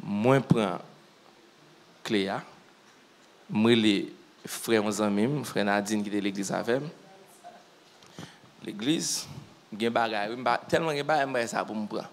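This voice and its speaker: A man's voice: lowish voice, measured pace, long pauses, a little hiss or hum. A man preaching in church, telling a story and acting out what people said to him. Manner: animated storyteller who acts out what people said. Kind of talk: storytelling sermon testimony.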